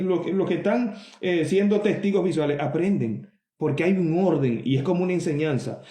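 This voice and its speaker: Emphatic preacher, mellow voice, echoey room. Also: male voice, high-pitched. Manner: reads scripture slowly, then explains with emphatic asides to "hermano". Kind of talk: Bible teaching sermon.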